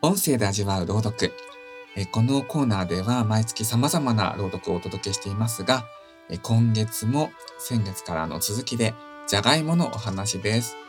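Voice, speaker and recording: A man hosting a casual radio show, reading a children's story in a gentle, friendly way with soft fillers. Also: on the low side, animated, moderate pace, over music. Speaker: radio host and story reader.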